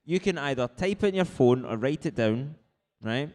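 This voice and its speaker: A man with an average-pitched voice hosts a casual live quiz. He explains things informally, often tacking short check-in tags onto his sentences. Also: animated, normal speed, a little mellow. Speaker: quiz host.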